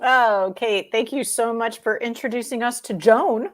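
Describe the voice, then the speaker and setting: A woman's voice: a little high, unhurried. Upbeat woman hosting a showcase. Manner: upbeat, with laughs and frequent "uh" fillers. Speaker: host. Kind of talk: interview and show wrap-up.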